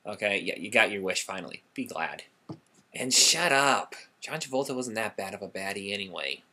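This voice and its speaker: A man's voice: fairly low pitch, lively intonation, normal speed, sharp tone. A man giving an informal spoken movie review, rambling with lots of "okay?" and "um", and flaring into heated rants.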